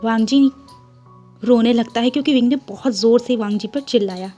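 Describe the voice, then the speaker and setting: Woman fan-story narrator, high voice, chatty, soft music bed. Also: quick pace, lo-fi sound. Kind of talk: casual story retelling.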